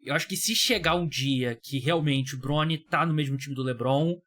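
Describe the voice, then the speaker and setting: A man's voice: a little high, normal speed, fairly bright tone. A Brazilian man hosting a sports podcast, chatting casually with lots of fillers and the odd swear word. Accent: Brazilian Portuguese. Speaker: podcast host.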